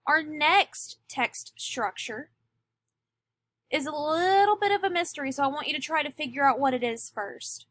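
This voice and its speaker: A woman teacher giving a recorded lesson, speaking deliberately and stressing key words. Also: sits high, animated, a bit bright, dry recording, clean studio sound. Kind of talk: recorded classroom lecture.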